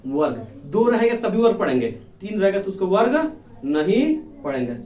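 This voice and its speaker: A male teacher with a high-pitched voice takes young pupils through a basic math lesson. He asks a question, answers it himself, and repeats the key word again and again. His voice sounds echoey and distant, as if the mic sits across the room. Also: very animated, moderate pace, a little mellow. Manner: calls pupils "babu", affectionate. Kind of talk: classroom lesson.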